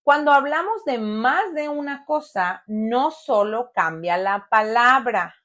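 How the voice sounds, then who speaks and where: A woman's voice: fairly high pitch, fairly bright tone. A woman a bilingual lesson, patient, repeating words and asking the learner questions. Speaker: Spanish teacher.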